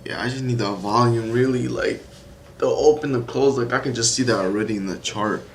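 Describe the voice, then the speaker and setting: A man's voice: mid-range voice, fairly quick, a little hiss or hum. A young man talking loosely on a live trading stream, rambling and saying "bro" and "like" a lot. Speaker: day-trading livestreamer. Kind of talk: casual live-stream chat.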